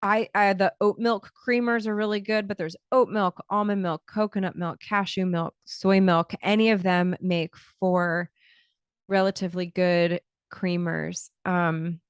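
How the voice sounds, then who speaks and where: A woman's voice: fairly low pitch, steady tone, measured pace, clear, resonant tone, dry recording. A woman in her thirties hosting a health podcast from a small home studio, talking casually into a close studio mic, explaining things with frequent restarts. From Scotland, early childhood. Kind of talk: casual solo podcast talk. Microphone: large studio mic close to the mouth.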